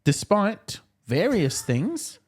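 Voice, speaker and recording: A man's voice: high voice, very slow, breathy edge. A man co-hosting a music podcast, chatting casually and joking a lot. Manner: joking, animated, laughs often. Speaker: podcast co-host. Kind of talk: casual banter.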